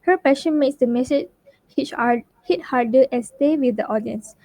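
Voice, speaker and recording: A woman's voice: sits high, moderate pace, mellow, no room sound. A young woman giving a scripted university class presentation, reading steadily with frequent fillers and self-corrections. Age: young adult.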